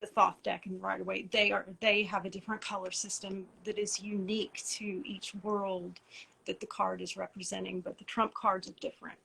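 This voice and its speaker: Appalachian woman, creaky voice, explaining informally. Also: mid-range voice, little pitch movement, sharp tone, slight background noise, low-quality recording. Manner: halting, conversational explaining, self-deprecating. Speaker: presenter explaining esoteric tarot. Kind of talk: informal video lecture.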